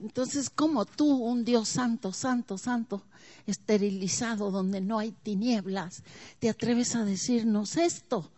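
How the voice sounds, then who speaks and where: A woman preacher, preaching a dramatic sermon that swings from hushed to loud and keeps asking the congregation questions. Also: fairly high pitch, measured pace. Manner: asks the audience questions.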